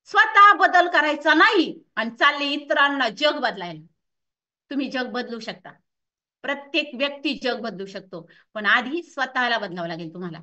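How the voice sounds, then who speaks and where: A woman fitness coach giving a lively, scolding motivational workshop talk to her associates, acting out the excuses of her clients. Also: high voice, moderate pace, distant mic, muffled recording.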